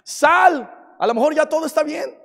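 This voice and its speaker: A man's voice: extremely high pitch, normal speed, creaky, fairly bright tone, pitched above the performer's own voice, heavily acted. A man voicing a sly male devil who coaxes and reassures. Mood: coaxing. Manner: coaxing, reassuring. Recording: long hall reverb.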